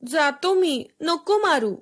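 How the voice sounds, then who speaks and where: Woman voicing a little village boy, high and pleading, tearful and stubborn, storybook. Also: expressive, slow pace. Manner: pleading, whiny cries. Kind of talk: storybook reading.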